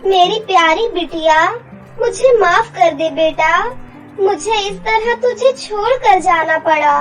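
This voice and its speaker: A woman's voice: very high voice, takes it slowly, faint music behind, poor audio. A woman doing a loving magical spirit mother. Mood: tender. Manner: tender to daughter, stern to the wicked.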